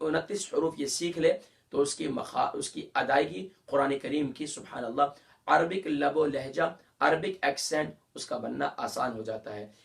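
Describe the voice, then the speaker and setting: Gravelly man teaching Quran recitation. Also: medium pitch. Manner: explains letters, then recites verses slowly and drawn out. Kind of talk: Ramadan tajweed lesson.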